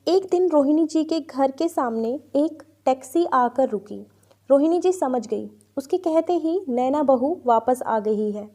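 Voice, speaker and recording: A woman's voice: high voice, expressive, a little slow, dark tone. A woman narrating a family moral story, reading every character in her own voice.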